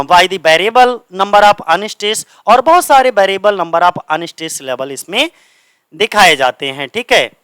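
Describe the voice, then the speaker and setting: Male exam tutor, bright crisp delivery, reads English slowly, drills answers by repetition. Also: high voice, no echo. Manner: explains in Hindi, mixes English terms, repeats answers back as questions. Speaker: English literature exam coaching teacher. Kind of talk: lecture going through exam questions. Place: coaching classroom.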